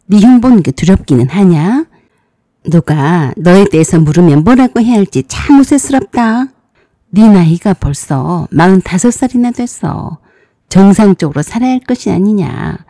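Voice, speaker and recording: A woman's voice: mid-range voice, mellow, no echo, studio quality. A woman voicing a bossy eldest sister in a storybook drama who lectures bluntly and sarcastically.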